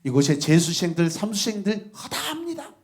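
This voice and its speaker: A man preaching with a slightly high voice that swoops up and down constantly. He moves from quiet, confiding asides to loud cries, talking straight to the people in front of him. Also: moderate pace. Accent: Gwangju. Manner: animated, bursts into shouting and laughter, addresses congregation directly. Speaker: pastor. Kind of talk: sermon.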